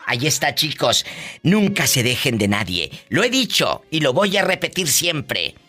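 Campy male call-in radio host, high and animated pitch, jokey. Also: moderate pace. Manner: playful, campy, jokes and catchphrases. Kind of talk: lively call-in radio show.

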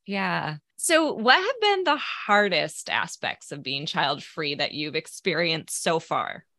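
A woman interviewer who responds with affirming, supportive remarks before asking her next question. Her low voice is bright and lively, with a gravelly edge and a dry, close sound. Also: slow pace, dry recording.

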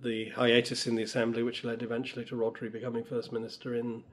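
A man's voice: medium pitch, completely flat delivery, fast. A middle-aged man from Wales, a former politician answering interview questions thoughtfully, with frequent fillers. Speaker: guest, professor and former politician.

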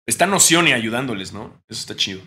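Bright-voiced Mexican man, joking. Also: mid-range voice, animated, fast. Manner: joking, bursts into mock shouting. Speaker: podcast co-host. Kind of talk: casual chat.

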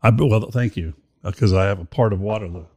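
Brief: male podcast host, low voice, dry close sound, rambling chatty delivery. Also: a little fast, warm tone, slightly rough, dry recording. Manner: rambling, chatty, self-deprecating. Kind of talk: casual chat. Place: indoor room.

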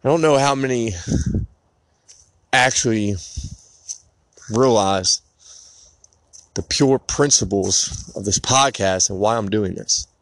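Earnest low-voiced man, dry sound. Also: takes it slowly, pauses often, no echo. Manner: earnest, emotional, rambling with many restarts. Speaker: podcast host. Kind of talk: personal storytelling monologue.

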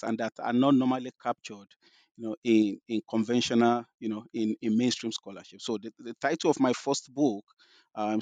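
Nigerian man, halting academic answers. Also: mid-range voice, darkish tone, dry recording. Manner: halting, many fillers and restarts. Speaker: guest professor.

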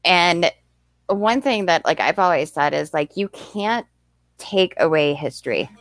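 An animated, lowish female voice, unhurried and dry-sounding, belongs to a young U.S. woman hosting a livestream. Her stream chat is casual and meandering, with plenty of thank-yous to viewers.

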